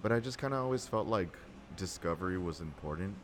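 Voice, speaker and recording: A man's voice: low voice, animated, a little fast. A young man, a podcast guest, chatting casually in a reflective, slangy way. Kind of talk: casual chat. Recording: clearly noisy background.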